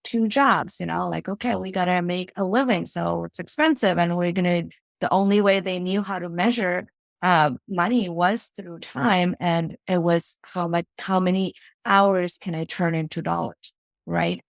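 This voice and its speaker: A woman's voice: lowish voice, steady tone, moderate pace, gravelly, no room sound. Woman from Fiji, dry close sound. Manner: reflective storytelling, often adds "right?" and "you know". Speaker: guest, financial strategist. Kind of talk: casual interview conversation.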